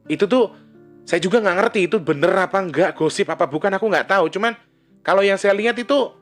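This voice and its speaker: A man's voice: high voice, quick pace, a bit bright, faint music behind. A man talking in a casual vlog monologue, rambling and correcting himself as he goes. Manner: rambling, with frequent restarts and self-corrections. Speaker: vlogger.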